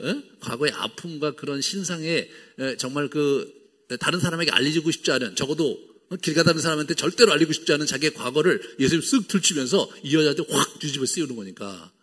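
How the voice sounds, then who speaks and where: Husky-voiced male pastor preaching animatedly. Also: mid-range voice, long reverb tail. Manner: animated, acts out the dialogue in playful voices; lots of fillers, wide swings in loudness. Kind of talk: sermon. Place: church sanctuary.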